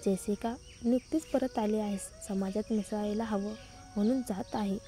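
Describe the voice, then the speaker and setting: A woman's voice: mid-range voice, fairly even intonation, moderate pace, dark tone, natural voice. A woman doing a chatty spoiled young woman.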